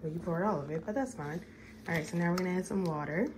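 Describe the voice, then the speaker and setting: Gentle low-voiced mom guiding a craft. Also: female voice, fast talker, background noise. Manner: gentle, coaxing, guiding step by step. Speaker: mother making a craft with her child. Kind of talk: casual family vlog chat.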